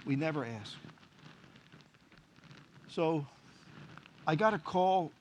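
A man's voice: a little high, expressive, slow pace, a little hiss or hum. A middle-aged male pastor preaching a sermon, telling stories animatedly and acting out the dialogue. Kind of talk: sermon with storytelling.

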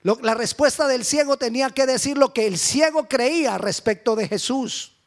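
High-voiced fervent male preacher. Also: moderate pace. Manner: fervent, repetitive preaching with rhetorical questions. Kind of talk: sermon.

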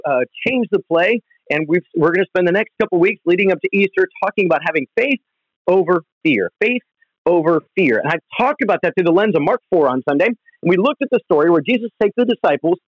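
High-voiced pastor talking over the phone. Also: male voice, dry recording. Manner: earnest, conversational preaching. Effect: heard over the phone. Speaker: pastor and podcast host. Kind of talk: devotional podcast teaching. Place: at home. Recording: dull lo-fi phone recording, dry.

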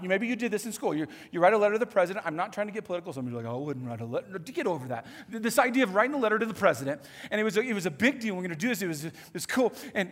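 A man preaching a sermon as pastor, animated and moving between hushed lines and emphatic ones. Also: a little high. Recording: echoey hall.

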